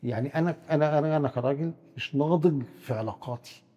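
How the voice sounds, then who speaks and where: An Egyptian man explains psychology at a rapid clip, stumbling into quick restarts as he goes. His voice sits a bit high but sounds dark and husky. The room adds a long trailing reverb. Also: dull audio. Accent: Egyptian Arabic. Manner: rapid, explains with first-person examples, frequent stammered restarts. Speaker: psychiatrist guest expert. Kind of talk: explanatory discussion.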